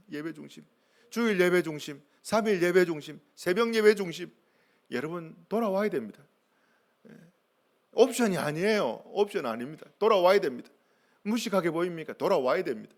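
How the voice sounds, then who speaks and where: A man's voice: high voice, lively intonation, moderate pace, long pauses. A man preaching a sermon as pastor, emphatic and full of questions to the congregation.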